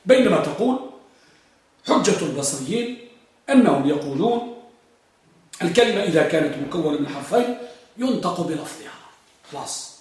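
A man's voice: fairly high pitch, lively intonation, normal speed, pauses often, a little mellow. A man giving a grammar lesson to a class, repeating his points and quizzing the students. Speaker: grammar teacher. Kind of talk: classroom lecture. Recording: echoey room from far off.

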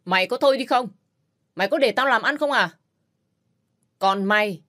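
A woman's voice: fairly high pitch, expressive, moderate pace, a bit bright. Woman doing old father-in-law, harsh, domineering, barking, audio story. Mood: furious. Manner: barking, scolding. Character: harsh domineering elderly father-in-law, short-tempered man.

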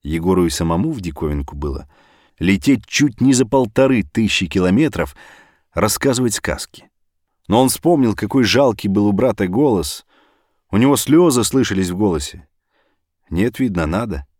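A man narrating an audiobook story in an expressive, animated reading. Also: on the low side, normal speed, no room sound, clean studio sound.

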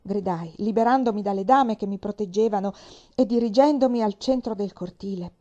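Female narrator for a historical novel, warm and expressive, mid pitch. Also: brisk, dull audio. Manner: expressive first-person narration. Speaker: reader. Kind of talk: dramatic reading of a novel.

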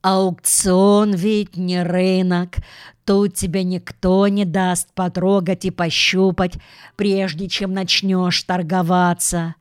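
A kindly older shopkeeper in a storybook, gentle and soothing, as a woman reads him. He speaks slowly, with a smooth, clear voice, close and dry. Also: fairly low pitch, little pitch movement, no echo. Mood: reassuring.

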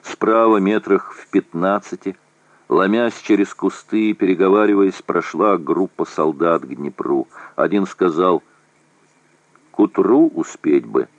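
A man giving a measured audiobook reading of a war novel. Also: sits low, fairly even intonation, dry recording. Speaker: narrator. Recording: dull, dry lo-fi recording.

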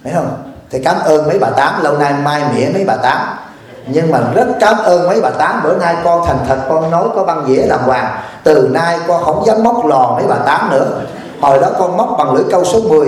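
A man giving a storytelling sermon as abbot, animated and chuckling as he acts out dialogue. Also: a little high, fast. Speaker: abbot giving a dharma talk. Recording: very echoey room.

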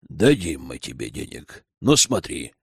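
A grumpy old village elder mutters his doubts in a low, grudging voice, as a male storyteller puts him on. He speaks slowly through his teeth, suspicious of every request. The recording is dry and close, like a storybook audiobook. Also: huge pitch swings, dry recording, exaggerated voice. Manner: gruff, grudging and slow.

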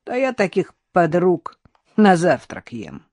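A huge shaggy dog with a foul temper, as a woman reader puts her on, muttering low and slow with a quiet growl. Her scornful lines drop under the narration and sound dry and close in this storybook reading. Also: wildly swooping pitch, no room sound, heavily acted. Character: big shaggy grumpy female dog.

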